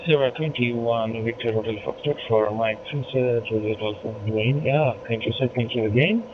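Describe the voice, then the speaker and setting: A man from Bangladesh making a polite, halting amateur radio contact with call signs over a crackly transmission. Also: medium pitch. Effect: crackly digital ham radio transmission. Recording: tinny, noisy narrowband radio link.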